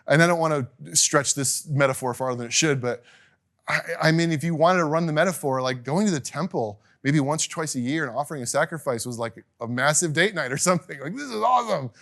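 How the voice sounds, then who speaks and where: A middle-aged man teaching a casual class, chatty and animated, acting out little quotes and laughing now and then. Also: fairly high pitch.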